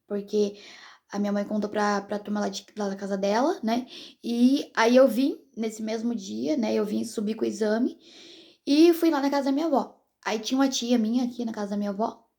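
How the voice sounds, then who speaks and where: A woman's voice: on the high side, brisk, mellow. A young pregnant woman from Brazil chatting casually to her viewers as a vlogger, in a rambling, direct way.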